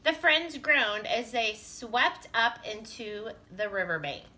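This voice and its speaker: Gentle preschool teacher reading a storybook. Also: female voice, a little high, slow pace. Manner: gentle, expressive, with chatty asides. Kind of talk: reading a picture book aloud to children.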